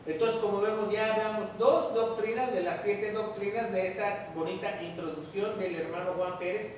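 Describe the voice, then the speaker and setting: A man's voice: high-pitched, fairly even intonation, normal speed, slight background noise. A man preaching a Bible teaching sermon as pastor, emphatic, repeating key phrases and throwing rhetorical questions at his listeners. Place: church or large hall, with the sermon streamed online. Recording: very echoey room, voice far from the mic.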